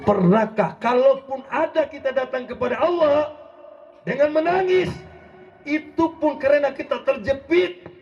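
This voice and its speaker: A man preaching an impassioned sermon, rousing and often shouting as he addresses his listeners directly. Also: extremely high pitch, a little slow. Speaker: preacher and legal consultant. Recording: dull lo-fi recording.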